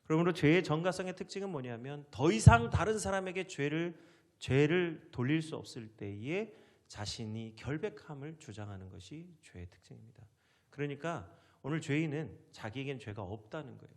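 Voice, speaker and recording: A male pastor gives a dramatic sermon in a slightly high voice that leaps and falls across a wide range. He acts out the biblical figures with loud, pointed questions, then drops his voice low and hushed to drive a point home. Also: lively intonation, moderate pace.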